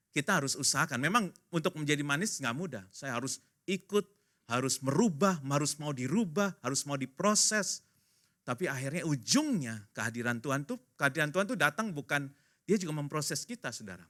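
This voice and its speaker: Lively, bright-voiced man preaching. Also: on the high side, fairly quick. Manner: animated storyteller, acting out quoted voices; casual, joking, addresses congregation directly. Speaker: pastor. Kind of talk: sermon. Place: church service.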